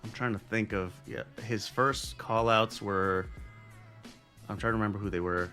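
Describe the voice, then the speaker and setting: A man's voice: lowish voice, steady tone, moderate pace, pushed and bright, soft background music. A man co-hosting a boxing podcast in loose, profane casual chat, laughing often. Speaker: podcast co-host.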